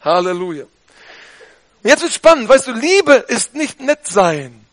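A man preaching a lively sermon to his congregation, often calling for amen and halleluja. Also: very high-pitched, slow pace. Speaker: pastor.

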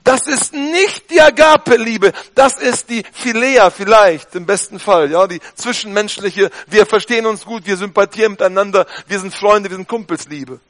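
A man with a strikingly high voice delivers an animated sermon. He speaks straight to his congregation, asking questions and calling out amen and halleluja. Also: moderate pace, few pauses. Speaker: pastor.

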